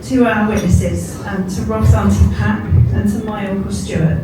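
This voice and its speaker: A man's voice: sits high, fairly even intonation, unhurried. A man gives a heartfelt, sentimental wedding toast as the groom. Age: 40s. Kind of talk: wedding toast, speech of thanks. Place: indoor wedding reception room. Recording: echoey noisy room, recorded from far off.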